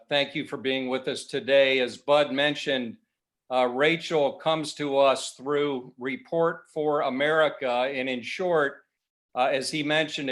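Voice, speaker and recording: A newspaper editor speaking at a community annual meeting, reading passages aloud with frequent fillers. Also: male voice, medium pitch, fairly bright tone. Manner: reads quotes slowly, with many fillers.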